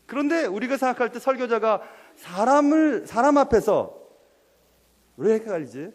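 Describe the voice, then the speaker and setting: A young male pastor preaches with a high, animated voice, throwing questions at the congregation and pressing for answers. The sound carries a long reverb from the sanctuary. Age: young adult. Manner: lively, quizzes the congregation and presses them. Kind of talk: sermon. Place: church sanctuary.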